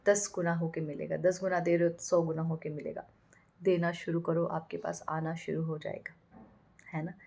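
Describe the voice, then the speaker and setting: A woman's voice: medium pitch, a little mellow. A young woman, a manifestation coach, talking casually and directly to the viewer, sprinkling in English words. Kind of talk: casual spiritual advice talk.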